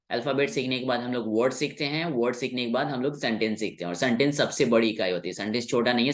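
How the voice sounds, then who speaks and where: Patient Hindi-speaking male English teacher. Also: mid-range voice. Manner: patient, repeats key words slowly. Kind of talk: classroom explanation.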